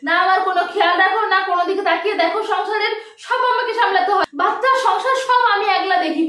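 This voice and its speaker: A woman playing a shrill scolding housewife. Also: fast talker. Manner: shrill scolding, sharp sing-song complaining. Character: angry overworked middle-aged housewife. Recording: echoey room, distant mic, noisy.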